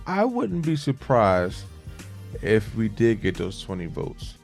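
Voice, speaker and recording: A man's voice: lowish voice, big pitch swings, slow pace, vocal fry, a little mellow. A man co-hosting a morning radio show in casual DJ chat, repeating phrases as he builds his point. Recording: music playing behind. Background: music.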